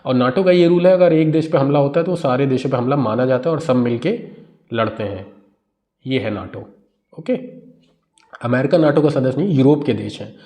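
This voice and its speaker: Indian man, English teacher, reads the news slowly, explains word by word, everyday voice. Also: medium pitch, dark tone. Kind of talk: explaining a newspaper article in Hindi.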